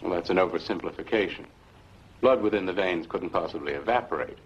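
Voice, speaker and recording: An actor playing a middle-aged doctor, earnest, precise and formal, in a 1950s film. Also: male voice, deep voice, fairly quick, husky. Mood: grave, concerned. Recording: muffled old 1950s film soundtrack.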